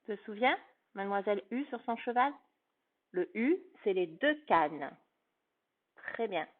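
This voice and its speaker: Slow, patient woman teacher on a tinny line. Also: mid-range voice, expressive. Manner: slow, carefully articulated, patient, addressing a child. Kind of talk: phonics lesson for a young child. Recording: tinny phone-like sound.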